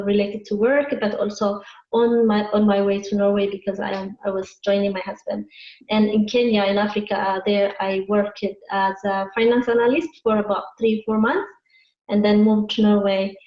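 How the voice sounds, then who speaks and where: Woman from Eritrea, hesitant, flat pitch, dull roomy sound. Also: normal speed. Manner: hesitant, many fillers. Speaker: guest. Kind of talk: interview answers. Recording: echoey muffled video call.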